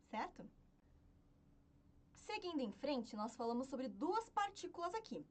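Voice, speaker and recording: A woman teaching a language class, explaining grammar step by step and often checking in with a quick question. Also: high voice.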